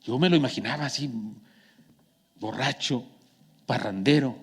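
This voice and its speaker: A man with a Mexican accent preaching a sermon as a pastor, telling stories in a conversational way that swings from hushed to emphatic. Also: mid-range voice, moderate pace, breathy edge. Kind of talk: sermon with personal storytelling. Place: church sanctuary. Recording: long church hall reverb.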